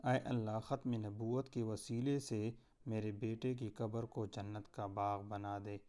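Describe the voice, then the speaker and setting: A man's voice: lowish voice, fairly even intonation, warm tone, close to an everyday voice. A man voicing a devout older cleric who grieves but holds firm, in an earnest, solemn way.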